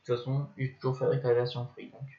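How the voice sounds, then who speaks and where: A young man narrates his screen as he works, rambling and thinking aloud and grumbling at the programs under his breath. His voice sits at an ordinary middle pitch. The lo-fi mic gives it a dull, muffled sound, with mouse clicks behind. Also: fairly even intonation, fast, gravelly, mellow. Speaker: tutorial maker. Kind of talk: casual screen-recorded tutorial.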